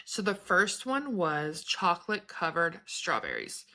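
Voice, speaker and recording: A woman in her thirties talks casually to her viewers, wandering from thought to thought with small laughs. Her voice sits a little low but sounds bright and forward, with a crisp edge. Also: very animated, a little slow. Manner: chatty, meandering, laughs between thoughts. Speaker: spiritual vlogger and business coach. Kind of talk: casual chat to camera.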